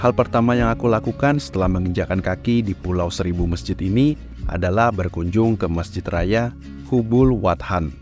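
A man narrating his travel vlog in a calm, reflective scripted voice-over. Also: sits low, moderate pace. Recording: voice-over over loud music.

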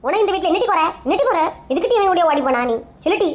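A shrill, rapid-fire mother who scolds everyone around her, played by a woman. She has a Kanyakumari Tamil accent and a nagging, bickering delivery made for comic family skits. Her voice sits very high. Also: animated. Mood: scolding. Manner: nagging, bickering, shouting insults. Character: sharp-tongued scolding middle-aged mother.

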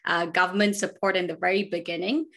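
A woman's voice: lowish voice, level tone, fast, gravelly, sharp tone. A young woman from Malaysia hosting an interview over a video call, affirming her guest and asking long, carefully framed questions. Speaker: host. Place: home room.

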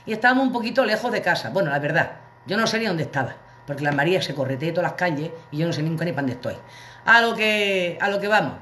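Bright-voiced woman telling a story. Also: on the low side, animated, fast, a little hiss or hum. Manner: chatty, colloquial, comic anecdote with acted quotes. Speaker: livestream host. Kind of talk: casual storytelling to viewers. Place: her living room.

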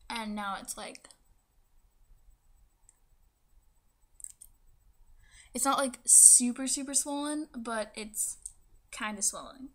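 A woman's voice: fairly high pitch, unhurried, fairly bright tone. A young woman chatting casually and hesitantly to camera with lots of "like", her speech slightly affected by a new tongue piercing. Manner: hesitant, filler-heavy, peppered with "like". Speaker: vlogger. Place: small room indoors.

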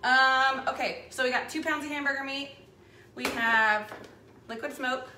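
In an unhurried, high-pitched voice with fairly even intonation, a woman rambles and chats as she runs a live cooking demonstration at home. She's captured by a camera mic across the counter in an echoey, noisy kitchen.

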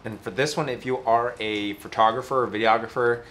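A man's voice: medium pitch, steady tone, brisk, fairly bright tone, a little hiss or hum. A man in his thirties chatting casually as a travel vlogger, seated outdoors by a camper in an easygoing, lightly joking way. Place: outdoors beside a camper trailer.

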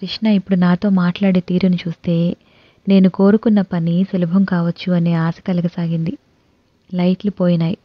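A woman narrating an audio novel in the first person, with lively, expressive storytelling. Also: lowish voice, normal speed, dry recording. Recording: dull dry recording.

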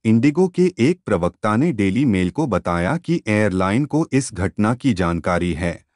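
A man reading a news story as a scripted voice-over in a measured way. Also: fairly low pitch, big pitch swings, darkish tone, no echo, studio quality. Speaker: news narrator.

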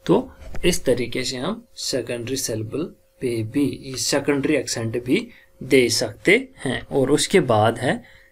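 A man teaching English word stress, sounding out words slowly syllable by syllable and mixing Hindi with English. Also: medium pitch, animated, a little hiss or hum. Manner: mixes Hindi and English in explanations. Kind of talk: classroom lecture on word stress.

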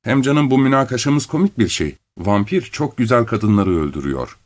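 A man voicing a calm, sober 37-year-old unmarried woman in an audiobook, talking in a steady, reasoning way. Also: mid-range voice, moderate pace. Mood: calm, dismissive. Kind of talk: audiobook character reading.

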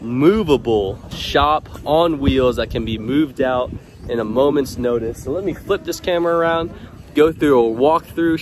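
A young adult vlogger from Louisiana, mid-range in voice, casually guides viewers through a small shop, speaking right to them in an upbeat way. He starts outdoors by a waterside dock before going inside, recorded on a handheld camera held close, with slight background noise.

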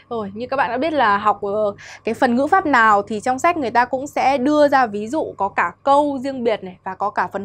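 A young Vietnamese woman teaching Korean grammar, explaining patiently and checking often that students follow. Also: a little high. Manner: explains patiently, often asks "được chưa?". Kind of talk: grammar lesson.

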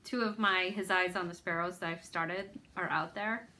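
A woman's voice: on the low side, steady tone, moderate pace, sharp tone, a little hiss or hum. A woman hosting a needlework video, chatting casually about her stitching projects in a rambling, self-deprecating way. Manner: rambling, self-deprecating, lots of ums and restarts.

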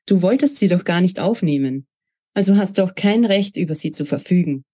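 A woman's voice: fairly low pitch, animated, fairly quick, mellow, breathy edge. A woman voicing a spiteful, scornful young woman in a read-aloud novel, talking in a mocking, sneering way.

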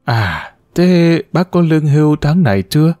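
A man's voice: fairly high pitch, lively intonation, moderate pace, mellow, no room sound, clean studio sound, faint music behind, voice pushed up, close to an everyday voice. A man reading a story, voicing a polite, somewhat flustered older grandfather who talks courteously and hesitantly.

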